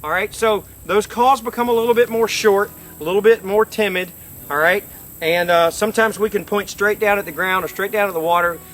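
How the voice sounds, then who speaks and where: High-pitched man giving a folksy lesson. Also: brisk, fairly bright tone. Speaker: duck-calling instructor. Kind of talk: informal instructional demonstration. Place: outdoors by a lake.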